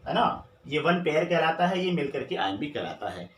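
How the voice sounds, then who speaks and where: A man's voice: on the high side, big pitch swings, normal speed. Man, exam-prep lecture, repetitive, rhetorical questions, echoey room, faint hiss. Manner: repeats key terms, asks rhetorical questions. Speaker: English teacher.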